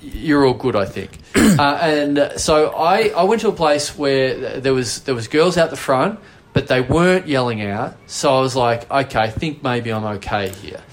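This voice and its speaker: A podcast host with an Australian accent tells a long, rambling anecdote in a casual storytelling chat. He swears freely and pokes fun at himself. His mid-range voice is animated, moderate in pace and hardly pauses.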